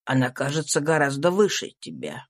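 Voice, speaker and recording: A woman reading an audiobook voices a mild middle-aged husband, speaking low, slow and hesitant. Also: big pitch swings. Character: mild middle-aged male household head.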